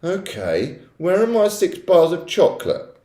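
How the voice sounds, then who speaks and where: A man's voice: high-pitched, wildly swooping pitch, a little slow, warm tone, roomy sound, pitched above the performer's own voice, exaggerated voice. A man voicing a rude, demanding schoolboy with a brash voice.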